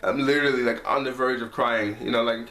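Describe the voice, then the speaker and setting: A man's voice: medium pitch, steady tone, fast, bright, forceful tone. Guy in his 20s vlogging from his apartment, chatty and heartfelt, lots of "like", echoey room. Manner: casual, heartfelt, fills talk with "like" and "you know". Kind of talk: candid personal storytelling to camera. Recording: echoey room, faint music behind.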